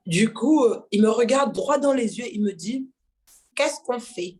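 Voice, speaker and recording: A woman's voice: fairly high pitch, measured pace. A woman from Mayotte, a singer, telling her story in a casual interview, acting out dialogue and laughing often. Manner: lively, laughing, acts out dialogue. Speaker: guest singer.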